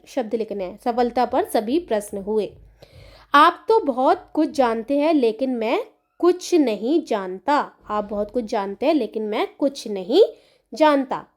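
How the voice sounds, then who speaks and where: A woman teacher patiently explaining a textbook chapter to young children, repeating key words and checking they follow. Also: high voice.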